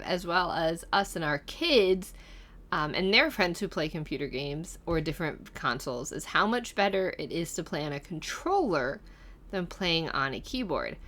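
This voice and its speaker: A middle-aged woman guest-hosting a gaming channel reads viewer comments aloud and muses on them conversationally. Her fairly low voice comes across as pushed and bright, with a casual hosting manner.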